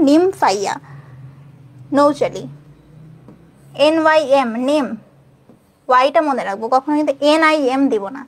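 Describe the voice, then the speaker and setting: A young woman teaches an online exam-prep biology class in a high, light voice. She breaks scientific names into syllables, spells them letter by letter and repeats them patiently. She keeps asking her students if they are following. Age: young adult. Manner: spells out names slowly and repeats them, often checking with "okay?".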